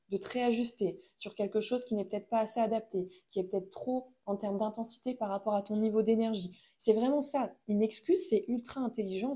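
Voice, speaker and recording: A woman's voice: medium pitch, mellow. A woman giving a casual motivational talk in French, chatty and addressing the listener directly, with frequent fillers.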